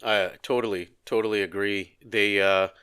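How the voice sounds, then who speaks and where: A man in his thirties or forties chats on a podcast with a bright, fairly low voice. He tells stories in a lively way and acts out the dialogue as he goes. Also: normal speed, clean tone. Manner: animated storyteller, acts out quoted dialogue. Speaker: podcast co-host. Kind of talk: casual conversation.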